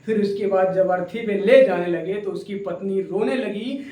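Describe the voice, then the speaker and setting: Man motivational speaker, folksy storytelling, colloquial and repetitive, high voice, echoey room. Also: normal speed, dark tone.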